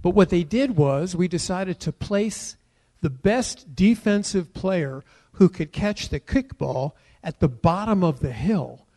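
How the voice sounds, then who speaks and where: A man preaching a sermon, with a voice that sits a little high. He drops to quiet asides and personal stories, then rises into loud declarations, and puts questions to his listeners. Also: lively intonation, takes it slowly. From United States. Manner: tells personal stories and asks the congregation questions. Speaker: pastor.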